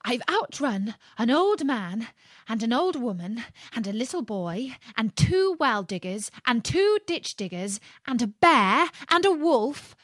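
A cocky little gingerbread man crows his boasts in a high, bouncing singsong, as a woman storyteller puts him on. He sounds pleased with himself and keeps getting louder, like a storybook runaway. The sound is close and dry. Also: sing-song, a little slow, dry recording, exaggerated voice. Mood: boastful. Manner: bragging, shouted singsong.

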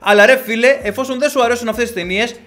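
A man in his thirties, a movie-reviewing YouTuber, reading out viewer comments and answering them sarcastically. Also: very high-pitched. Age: 30s. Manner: sarcastic, animated, switches voices.

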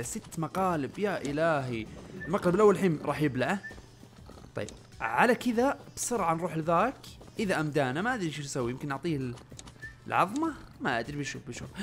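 A young man giving casual let's-play commentary, muttering to himself and yelling when things go wrong. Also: medium pitch. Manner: chatty, often muttering under his breath, bursts of panicked yelling. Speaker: gaming channel host.

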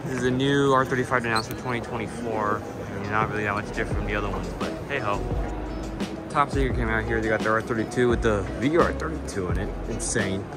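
A man with a lowish voice films himself on a handheld camera, point of view, while walking a large indoor car show. He talks quickly, giving casual, enthusiastic commentary on the builds with some light swearing, as loud music and a busy hall sound behind him.

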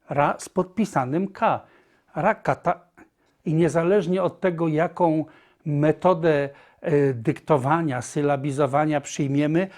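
Slow, patient man teaching a lesson. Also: fairly high pitch, a little mellow. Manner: patient, repeats points step by step. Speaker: language teacher.

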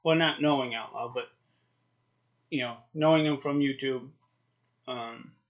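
A man's voice: mid-range voice, measured pace. A man in his forties giving a casual, chatty review to camera, talking with a lip full of dip. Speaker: YouTube product reviewer. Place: small home office, indoors. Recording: dull, lo-fi webcam sound.

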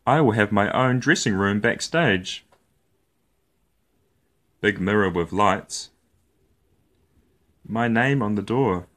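With a lowish voice, a man reads to young children from a picture book. He tells it expressively, choosing his phrasing with playful deliberation.

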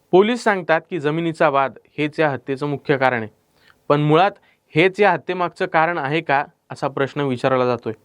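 A man's voice: fairly high pitch, a bit bright, clear, resonant tone, dry recording. A young man with a Marathi accent narrating a crime news report as presenter, with a dramatic storytelling delivery and rhetorical questions. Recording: clean dry studio voice-over.

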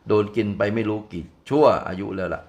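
A man's voice: on the low side, expressive, a little fast, darkish tone, dull audio. An older man telling a folk tale, folksy and digressive, stopping often to explain things in his own words. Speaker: storyteller. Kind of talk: folk tale narration with asides.

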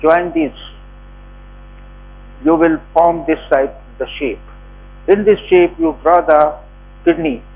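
A man's voice: a little high, lively intonation, slow, gravelly, pauses often, dull audio. A man with a North Indian accent teaching a class as a lecturer, giving step-by-step instructions in short phrases. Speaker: anatomy lecturer. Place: indoor lecture theatre.

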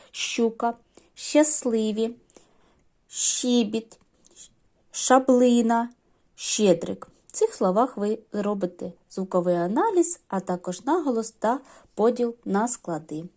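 A middle-aged woman teacher giving a patient, step-by-step remote lesson to young children, pausing often with small fillers. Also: fairly high pitch, a little mellow. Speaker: primary school teacher.

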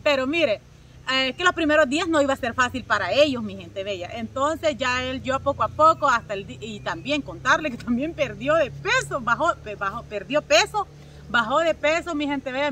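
A woman's voice: high voice, animated, moderate pace, fairly bright tone, distant mic, a little hiss or hum. A Salvadoran woman chatting casually to her viewers, with lots of filler words and friendly asides to her audience. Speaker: vlogger.

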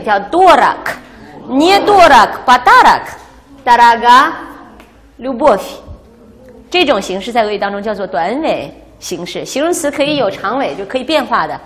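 A woman teaching a language class, explaining words and quizzing her students in a lively way, recorded in a classroom. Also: mid-range voice. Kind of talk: classroom lecture. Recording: reverberant classroom.

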